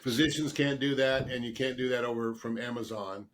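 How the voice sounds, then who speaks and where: A guest expert in an interview, this dentist specializing in dental sleep medicine talks a little fast in a steady tone. Getting over a cold, he has a slightly rough mid-pitched voice, clears his throat and coughs, and repeats words for emphasis as he earnestly explains. A faint hiss or hum sits under the recording.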